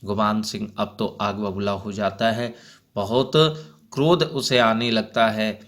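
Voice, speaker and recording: A male teacher reads a school play aloud, narrating the action and explaining the stage directions. His voice sits low and he takes it slowly. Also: fairly even intonation. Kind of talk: reading a play aloud for a class.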